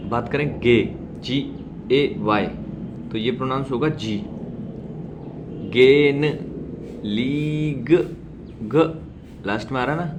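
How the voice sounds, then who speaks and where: Guy teaching shorthand real slow, repeats words loud, bit of background hiss. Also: mid-range voice. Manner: reassuring asides to learners. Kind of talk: classroom lesson.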